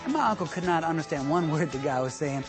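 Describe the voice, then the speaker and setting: Joking, fairly high-voiced male traffic instructor. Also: lively intonation, fast talker, over music. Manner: jokey, laughs often. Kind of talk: joking classroom lecture.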